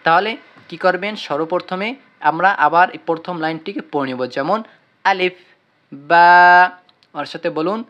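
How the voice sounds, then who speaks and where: A Quran reading teacher giving an online lesson, stretching out letter names loudly and quizzing the listener with repeated questions. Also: medium pitch. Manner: drawn-out, sung-out letter names in call-and-response drills. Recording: slightly dull, lo-fi audio.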